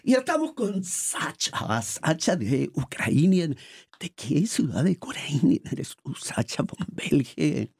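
A man hosting a casual studio talk show, rambling and lively with many fillers. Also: a little high, slow pace, creaky, slightly rough, no room sound. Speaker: show host.

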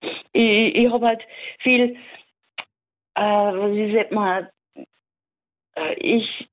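A woman's voice: mid-range voice, extremely slow, slight background noise. Easygoing woman on a tinny phone line. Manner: calm, easygoing, hesitant with repeated restarts. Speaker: caller. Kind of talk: casual phone-in chat.

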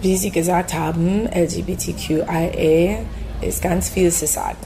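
A woman from the United States with an American accent, a café owner answering interview questions in halting German full of fillers. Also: on the low side, steady tone, creaky, warm tone, faint music behind. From USA. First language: English. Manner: halting, searching for words, many fillers.

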